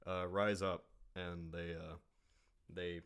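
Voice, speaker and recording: A podcast host with a fairly low, clean-toned voice leads a loose, casual conversation, speaking slowly with little pitch movement. He drawls his sentences and frequently lets them trail off into quiet mumbles.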